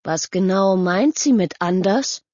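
A woman's voice: mid-range voice, unhurried, a little mellow, dry recording, lightly acted. A woman voicing a curious, level-headed teenage boy who speaks reasonably and skeptically. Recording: dull lo-fi audio.

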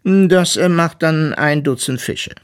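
A man's voice: on the high side, slow pace, smooth, voice pushed up. A man voicing a greedy, pompous old male walrus in a storybook reading, with a haughty, haggling drawl. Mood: scheming. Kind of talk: audiobook character voice.

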